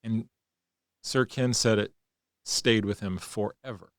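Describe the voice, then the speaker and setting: A man co-hosting a podcast, telling stories in a relaxed conversational way and acting out the quotes. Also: lowish voice, slow pace, no echo, studio quality. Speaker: podcast co-host. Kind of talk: reflective conversational storytelling.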